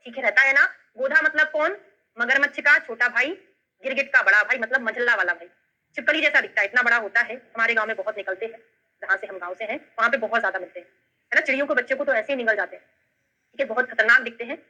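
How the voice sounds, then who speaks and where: In an online lesson built around memory tricks, this Ayurveda tutor speaks quickly in a bright, pushed voice on the high side. Her accent is Bundelkhandi Hindi, she explains things step by step and checks in with her students, and the sound is lo-fi.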